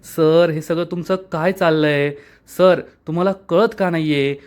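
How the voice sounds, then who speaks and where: A man's voice: fairly high pitch, fairly even intonation, a little slow, clean tone, close to an everyday voice. Figure: a man voicing an exasperated young wife. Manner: scolding. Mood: angry. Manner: scolding, indignant. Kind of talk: serial episode recap.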